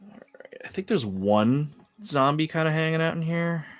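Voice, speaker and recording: With soft music in the background, this man rambles casually over his livestreamed gameplay, laughing a lot and talking to chat. His voice is slightly high and expressive, and he takes his time.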